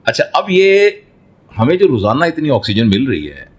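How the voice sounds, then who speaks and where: Male doctor, interview guest, fatherly, lively intonation, rhetorical questions. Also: medium pitch, slightly rough, muffled recording. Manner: explains through everyday examples and rhetorical questions; fatherly, addresses listener as son. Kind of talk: reflective interview answer.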